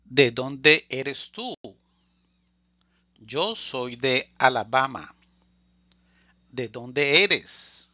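A man teaching a language lesson, reading phrases slowly and deliberately and repeating them for learners. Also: medium pitch, animated, sharp tone, no room sound, muffled recording. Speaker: Spanish teacher. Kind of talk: slow scripted language lesson.

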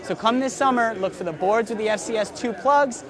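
A man's voice: high-pitched, a little fast, a crowd in the background. A young man in his twenties hosting an enthusiastic, salesy product demo at a busy indoor expo booth, talking close to the camera. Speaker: surf shop host. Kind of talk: trade show product demo.

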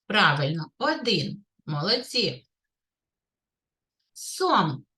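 Slow, lively-voiced kindergarten teacher woman. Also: fairly low pitch. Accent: Ukrainian. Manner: slow, clear, sing-song teacher talk, praising often. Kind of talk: literacy lesson for young children. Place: kindergarten classroom.

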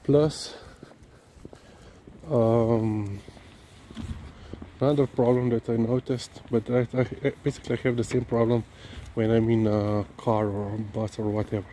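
A dog-walking vlogger talks haltingly in a casual walk-and-talk monologue outdoors, using fillers like "you know" and "um" and often restarting. His voice is medium-pitched, flat, and dark. The camera is held low as he walks, and outdoor noise sits behind his voice.

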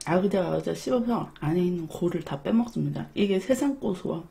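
Woman, gravelly low-edged voice, mellow tone, chatty eating-show talk, biting at a bone mid-sentence. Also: animated, fairly quick. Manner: chatty, explaining to viewers. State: biting at a bone while talking. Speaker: mukbang streamer. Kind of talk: casual chat while eating on camera.

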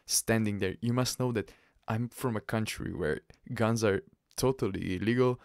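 A man hosting a podcast, telling a personal story in a halting, casual way with restarts and soft laughs. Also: on the low side, gravelly, no echo, studio quality. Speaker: podcast host.

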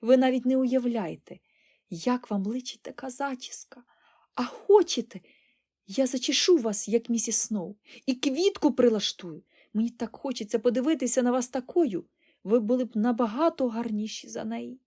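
A woman voicing an excitable, cheerful little girl who gushes and exclaims in breathless enthusiasm, in an audiobook. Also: a little high, moderate pace, voice pushed up. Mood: excited.

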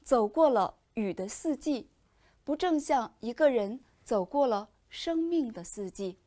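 A woman teacher walks students through a text in a recorded lesson. Her voice sits a little high, and she explains each point in a clear, measured and patient way. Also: animated, warm tone. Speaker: Chinese language teacher.

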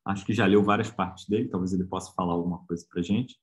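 A man with a Brazilian Portuguese accent gives an informal online physics lecture in a relaxed, conversational style, full of tag questions and hesitations. His voice sits low and he speaks at a quick pace.

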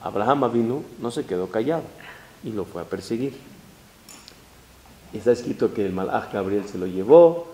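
A man, a rabbi giving a religious lesson in an animated, emphatic way, with Hebrew phrases mixed in. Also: fairly low pitch, normal speed, long pauses, a little hiss or hum. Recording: roomy echo.

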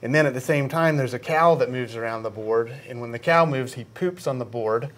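Male interview guest, 40s. Medium pitch, informal, slightly hesitant storytelling on a studio lapel mic. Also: fairly quick, a bit bright. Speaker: game creator, interview guest. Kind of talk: casual interview chat. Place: small indoor video studio. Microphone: clip-on lapel mic.

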